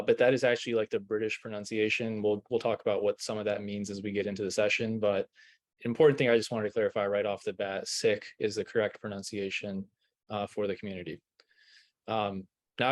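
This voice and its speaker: Low-voiced man explaining on a call. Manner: relaxed, filler-heavy, conversational. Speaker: workshop presenter. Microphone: video call.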